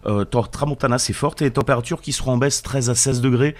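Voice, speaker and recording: A man's voice: mid-range voice, darkish tone. A man delivers a radio weather forecast from the studio in a mid-range, unremarkable voice. He keeps it chatty and jokey, and stumbles over the odd word with small fillers. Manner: chatty, joking, slightly halting with fillers.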